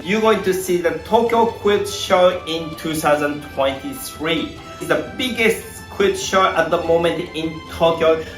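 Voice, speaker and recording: Upbeat Japanese-accented man pitching a tour. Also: a bit bright. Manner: upbeat salesy delivery with rhetorical questions and long lists. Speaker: tour guide and founder of a craft tour. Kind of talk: promotional voice-over pitch. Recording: roomy voice with faint background music.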